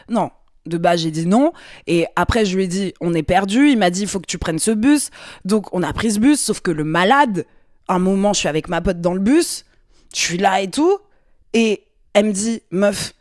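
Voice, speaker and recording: A woman's voice: on the low side, no echo, clean studio sound. A young woman hosting a podcast, telling a story in a casual, slangy way with lots of fillers and restarts. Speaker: podcast host.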